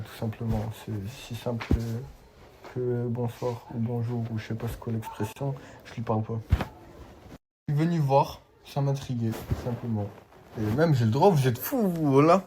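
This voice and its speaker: A man talking casually to camera in a halting, repetitive, self-justifying way. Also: mid-range voice, warm tone, slight background noise.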